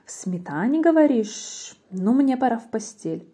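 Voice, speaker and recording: A woman voicing a sly, hungry female snake in a storybook, coaxing in a hissing, breathy voice. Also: a little high, sing-song, unhurried, dark tone, full character voice. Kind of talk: storybook reading in verse.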